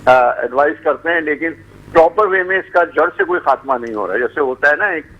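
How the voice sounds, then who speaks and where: A Pakistani man in his sixties calls in over a dull, muffled phone line. He talks earnestly with many halts, and his voice is a little high for a man. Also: expressive. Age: 60s. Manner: earnest, hesitant, halting. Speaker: caller.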